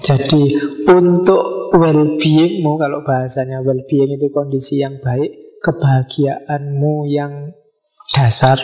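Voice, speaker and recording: A man teaches philosophy in an easy, conversational way, slipping into little acted exchanges to make his point. His voice sits a little high. Faint music plays under the recording. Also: a little mellow, low-quality recording. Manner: conversational, explains with everyday examples, acts out little dialogues. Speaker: philosophy lecturer. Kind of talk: relaxed philosophy lecture.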